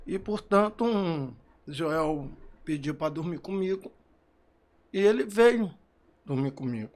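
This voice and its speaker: A man, a grieving father, telling what happened in halting, repeated phrases while emotional. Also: a little high, expressive. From Brazil. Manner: halting, repeating phrases, voice rising when recalling shouts. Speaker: bereaved father interviewed. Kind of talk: emotional testimony.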